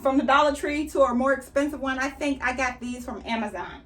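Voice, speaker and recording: A woman talks through her backyard gardening in a casual, chatty way, explaining every step as she goes. Her voice sits on the higher side. The mic is placed a little away from her. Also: fairly quick. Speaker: gardening vlogger. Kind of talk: casual how-to chat while working. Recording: slightly distant mic.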